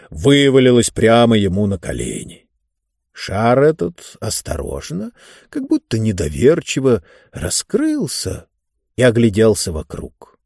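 Male audiobook reader; very lively intonation, dry booth-like sound, expressive storyteller. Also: mid-range voice, vocal fry, breathy edge, no echo. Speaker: narrator. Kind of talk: scripted audiobook narration.

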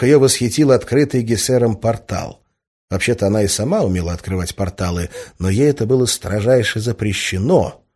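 A man narrating a first-person audiobook in a dry, wry, even manner. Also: fairly low pitch, husky.

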